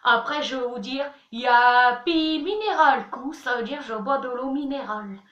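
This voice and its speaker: High, slow, bright-voiced young woman. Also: dull audio. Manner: chatty, playful, self-mocking. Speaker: vlogger. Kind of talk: casual vlog teaching words. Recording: echoey room, mic at a distance.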